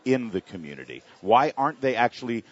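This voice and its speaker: A man on a political panel, pressing his point with rapid, repeated questions. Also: medium pitch, big pitch swings. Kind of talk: panel discussion. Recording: dull lo-fi sound.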